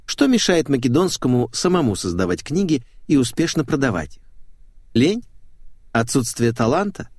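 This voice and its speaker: A man's voice: medium pitch, no echo. A man narrating an audiobook in first person with a dry, ironic tone.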